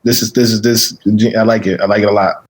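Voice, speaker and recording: Man, rather low, monotone, casual feedback, halting, repeated words. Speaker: judge giving feedback.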